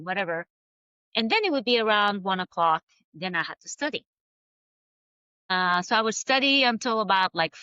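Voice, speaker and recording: A woman in her forties whose native language is Farsi earnestly recounts her past as a guest on a podcast interview, with many fillers and restarts. Her voice is on the low side, pushed and bright, and the dry recording has its highs cut off.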